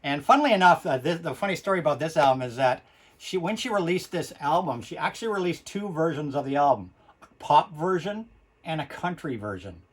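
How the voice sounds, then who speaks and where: A man's voice: on the high side, lively intonation, fairly quick, husky. A Canadian man speaking with a missing front tooth, hosting a vlog in a casual, rambling, repetitive way. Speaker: host of a record collecting vlog. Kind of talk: casual chat to viewers.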